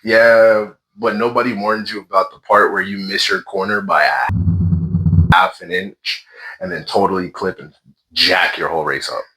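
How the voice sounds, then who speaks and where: A man telling stories in a casual gaming chat, animated and exasperated, swearing freely. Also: sits low, a little slow, rough recording.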